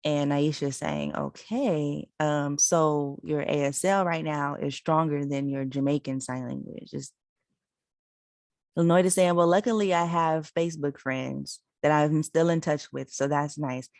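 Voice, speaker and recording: A woman's voice: deep voice, steady tone, unhurried, gravelly, a little mellow, no echo, clean studio sound. A woman interpreting a signed discussion aloud, relaying each speaker in the third person with frequent fillers. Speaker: sign language interpreter. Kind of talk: voicing signed conversation.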